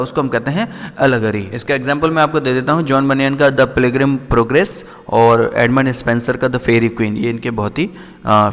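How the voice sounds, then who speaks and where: A man explaining literary terms for exam preparation, slowing right down to read English definitions and checking in often with his students. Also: mid-range voice, big-room sound. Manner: repetitive, checks in often with the listener. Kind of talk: explanatory lesson.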